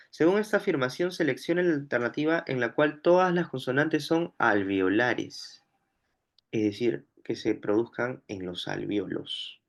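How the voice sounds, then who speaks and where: Man explaining grammar exercises step by step. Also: mid-range voice. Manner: explanatory, thinks aloud while solving. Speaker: language teacher. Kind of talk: explaining exam questions on phonology.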